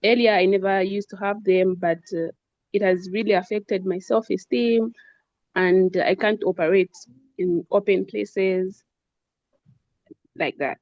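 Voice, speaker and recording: A woman from Zambia, a patient, shares her own experience softly on a video call, with frequent fillers. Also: mid-range voice, fairly even intonation, measured pace, no room sound, muffled recording. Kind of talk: personal account on a webinar.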